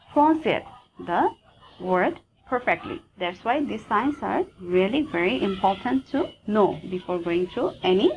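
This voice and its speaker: Slow Bengali-accented woman teaching phonetics. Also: medium pitch, a little hiss or hum, low-quality recording. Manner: slow and deliberate, repeating sounds for practice. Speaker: English pronunciation teacher. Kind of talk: phonetics lesson.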